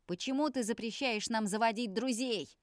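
Woman doing a raging, tearful young male vampire for an audiobook; pitch pushed up, dry close read. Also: moderate pace, dry recording, natural voice. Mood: angry pleading. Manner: shouting, pleading outbursts.

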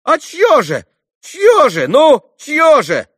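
A man voicing an agitated, dim-witted young clerk who keeps shouting the same words, in a storybook reading. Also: extremely high pitch, wildly swooping pitch, no room sound, clean studio sound, pitched above the performer's own voice, heavily acted. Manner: shouting, repetitive, slow-witted.

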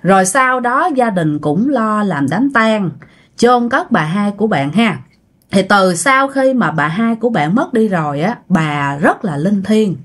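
A woman with a Southern Vietnamese accent tells a ghost story in a chatty, conversational way, often turning to address her listeners. Her pitch sits mid-range but moves in lively, animated swings. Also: unhurried.

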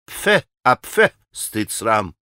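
A man voicing a haughty, touchy Polish gentleman who speaks Russian with a Polish accent in an audiobook. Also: fairly low pitch, very animated, extremely slow, dry recording, clean studio sound, voice pushed down, heavily acted. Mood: ironic scornful. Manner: pompous, haughty, indignant.

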